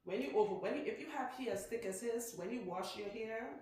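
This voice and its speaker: A woman with a fairly high, brisk, darkish voice and a Trinidadian accent teases and chats as a loctician showing hair care in a salon. She keeps saying "right?" and "okay?", and the room sounds very echoey with a little noise.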